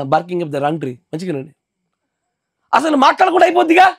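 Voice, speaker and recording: A man's voice: high-pitched, gravelly, fairly bright tone, no room sound, clean studio sound. A male pastor giving an emphatic sermon at a house gathering, often checking that his listeners follow.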